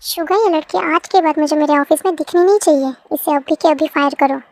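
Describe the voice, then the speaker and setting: Woman doing a young boss man, curt and commanding, very high voice, amateur fan dub. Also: brisk, a little mellow, dry recording. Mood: angry. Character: cold young businessman boss.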